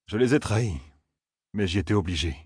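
A man reading an audiobook, voicing a guilty man who pleads defensively in a low voice. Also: expressive, fairly quick, a little mellow, breathy edge, no echo, studio quality. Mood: pleading. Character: sallow, guilty middle-aged man pleading.

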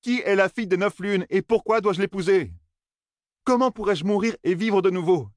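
A man's voice: high-pitched, moderate pace, no room sound, voice pushed up, natural voice. A man voicing a brash, angry young man who curses and demands answers, in a dry, close audiobook reading. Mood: angry demanding. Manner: shouting, exasperated.

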